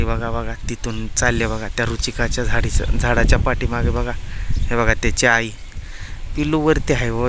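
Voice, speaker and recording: A man's voice: mid-range voice, background noise. A man chatting casually to viewers as he films around his farm, pointing things out as he goes. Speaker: village vlogger. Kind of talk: casual vlog narration. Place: outdoors on a farm.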